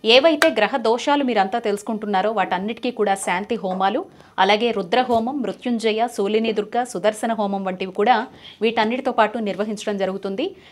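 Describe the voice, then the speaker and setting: A woman hosting a call-in show, politely announcing the events and taking callers' birth details. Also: mid-range voice.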